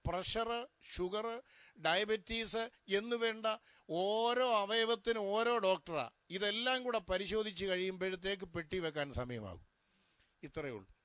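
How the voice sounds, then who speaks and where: Bright-voiced pastor preaching at a funeral. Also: male voice, high-pitched, dry recording. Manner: preaching with rhetorical questions to mourners. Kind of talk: funeral sermon.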